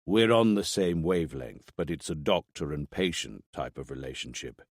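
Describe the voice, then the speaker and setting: Man doing a deep calm psychiatrist. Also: dry recording, studio quality, full character voice. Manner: slow, deep, measured.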